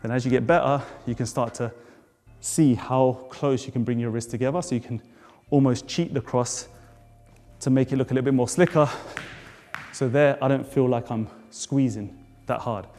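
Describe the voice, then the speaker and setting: Breathless jump rope coach. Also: male voice, medium pitch, fairly even intonation, moderate pace, a little mellow. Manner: encouraging, step-by-step cues. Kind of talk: tutorial instruction. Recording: hall reverb, faint music.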